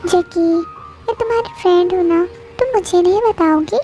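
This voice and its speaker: A woman performing an amateur fan dub of a romance story, voicing several characters with expressive, emotive delivery. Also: very high voice, moderate pace, music in the background.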